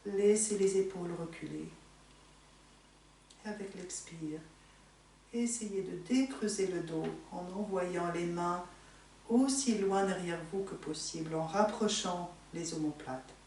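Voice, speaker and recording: A woman teaching yoga in a soothing, unhurried, gently encouraging manner, giving slow guided instructions. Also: lowish voice. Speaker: yoga teacher leading a morning class. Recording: echoey room, distant mic, faint noise.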